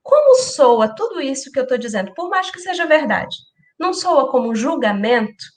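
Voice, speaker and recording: A woman delivers a public lecture at a spiritist center. Her voice sits high, and her tone stays calm and explanatory. She guides her listeners with rhetorical questions. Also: moderate pace.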